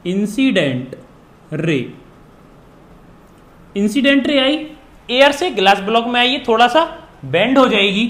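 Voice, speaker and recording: A man from India teaching a physics lesson, repeating key phrases and dictating definitions slowly word by word. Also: very high voice, bright, forceful tone. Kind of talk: classroom physics lesson in Hindi and English. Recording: echoey room.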